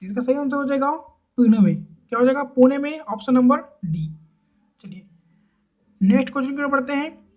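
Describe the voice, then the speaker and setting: A woman teaching a quiz-style exam-prep lesson. She asks each question, then repeats the answer, with drawn-out fillers. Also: high voice, animated, dull audio. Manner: drawls and repeats words, frequent fillers.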